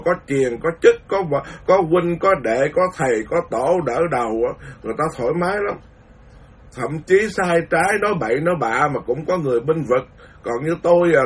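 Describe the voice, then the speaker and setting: A man's voice: fairly high pitch, a bit bright, husky, far from the mic. A man lecturing as a Buddhist monk, ranting indignantly with lots of repetition. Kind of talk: impassioned Dharma lecture.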